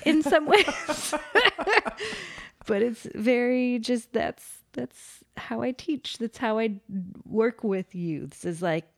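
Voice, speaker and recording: A woman's voice: fairly high pitch, takes it slowly, gravelly. A young woman, a preschool teacher, chatting casually about her recordings, full of filler words and laughter. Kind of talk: casual podcast chat.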